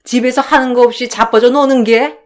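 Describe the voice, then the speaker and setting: A woman voicing a bossy, self-pitying middle-aged mother-in-law who yells and nags in a radio story. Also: on the high side, fairly even intonation, fairly quick, close to an everyday voice. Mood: scolding. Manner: yelling, nagging, sighing.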